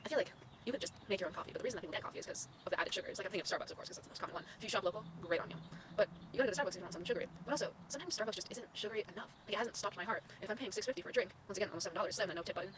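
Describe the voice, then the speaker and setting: A woman's voice: medium pitch, racing, background noise. A teenage girl co-hosting a casual chat, bantering and giggling. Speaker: co-host.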